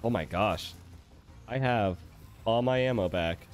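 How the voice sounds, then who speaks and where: A man streams a game and chats casually, reacting with little exclamations while he has the hiccups. His voice is fairly low and a little slow, with faint music behind him.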